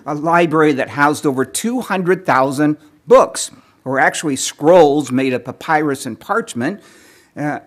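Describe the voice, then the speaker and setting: A man giving a teaching sermon, lecturing in a measured way, clearing his throat often as he is losing his voice. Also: on the high side. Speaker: preacher.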